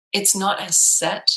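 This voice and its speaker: A Danish woman from Denmark, a psychologist, chats casually, full of fillers and restarts. Her voice is bright and forceful, and the recording quality is low.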